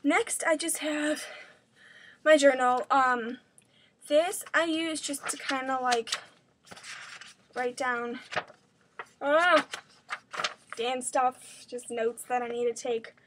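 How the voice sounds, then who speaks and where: A woman's voice: sits high, steady tone, slow pace, long pauses, noisy background. A teenage girl chatting casually in a home video, rambling with lots of fillers, a little out of breath. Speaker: vlogger. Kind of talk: casual vlog showing her dance bag.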